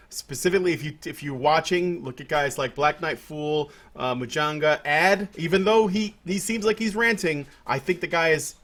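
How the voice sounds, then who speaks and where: A Puerto Rican man hosts a casual podcast, his voice on the high side with a fairly bright tone. He rambles through the chat, restarting often and leaning on fillers.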